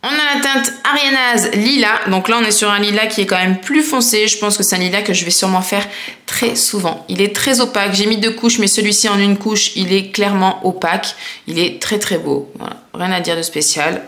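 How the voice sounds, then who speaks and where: A woman's voice: medium pitch, steady tone, brisk, a bit bright. Chatty French woman reviewing nail polish. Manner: chatty, enthusiastic, many fillers. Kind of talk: casual product review.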